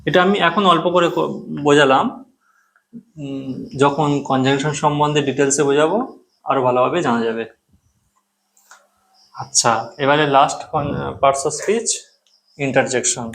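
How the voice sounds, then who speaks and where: A man's voice: on the high side, normal speed, long pauses, a bit bright. A man who speaks Bengali as his first language, teaching English grammar, patiently explaining in Bengali with English terms and often checking that students follow. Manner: patient, repeats key terms, checks in with "thik ache?".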